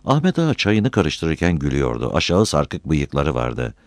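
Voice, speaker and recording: Deep-voiced male storyteller. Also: very animated, normal speed, no room sound. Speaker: audiobook narrator. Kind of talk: scripted narration.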